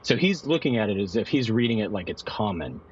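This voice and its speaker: Talking fast with big swings in pitch, this guest player has a fairly low, slightly rough voice. He improvises a story during a tabletop game, speaking casually and explaining things more than once, and the lo-fi mic gives a dull sound.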